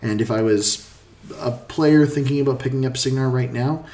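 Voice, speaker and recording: A man co-hosting a casual game discussion, talking in a measured way and thinking aloud with frequent pauses and "um"s. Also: mid-range voice, darkish tone, reverberant. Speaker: podcast guest co-host. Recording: distant mic with faint noise.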